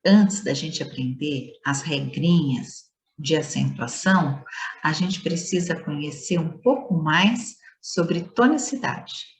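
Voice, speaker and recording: A woman's voice: low-pitched, animated, slow pace. A woman teacher giving a playful lesson to schoolchildren, stretching words and leaning hard on stressed syllables.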